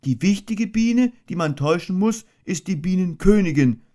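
A man's voice: high-pitched, expressive, dark tone, pitched above the performer's own voice. Winnie the Pooh, voiced by a man. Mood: fussy. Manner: slow, earnest, ponderous, sing-song. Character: friendly, slow, muddled little teddy bear. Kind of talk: storybook reading.

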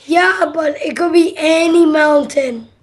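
Easygoing female gamer, high voice, casual chatty commentary. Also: unhurried. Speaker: gamer recording a multiplayer session. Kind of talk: casual gameplay chat.

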